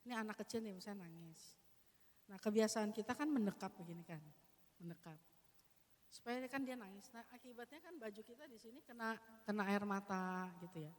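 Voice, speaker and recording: A woman's voice: medium pitch, brisk. A woman leading a church training session for children's ministry teachers, talking casually and acting out prayers and little scenes as she demonstrates. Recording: long reverb of a hall.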